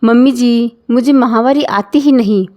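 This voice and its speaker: A woman voicing a calm young wife. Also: fairly high pitch, measured pace, dull audio, lightly acted. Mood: reasoning. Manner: calm, reasoning.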